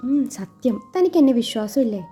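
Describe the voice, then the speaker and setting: Woman voicing a gentle protective young man. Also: high-pitched, animated, a little fast. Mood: reassuring. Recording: muffled recording with soft music.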